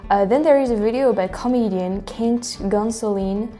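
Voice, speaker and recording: A woman's voice: a little high, normal speed, warm tone, faint music behind. A young woman from France with a French accent, a native French speaker, commenting casually to camera as a video host. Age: young adult. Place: small room at home, indoors.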